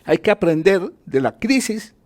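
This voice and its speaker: With a high voice that swings widely in pitch, a Colombian man talks unhurriedly as an economist in an interview. He teaches point by point, counting off items and answering questions he raises himself.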